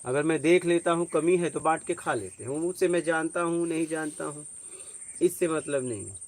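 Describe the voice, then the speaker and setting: A man's voice: fairly high pitch, moderate pace, darkish tone. A man giving an informal spiritual talk, telling personal stories and often checking that his listeners follow. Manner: conversational, tells personal stories, asks listeners if they follow. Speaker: spiritual teacher.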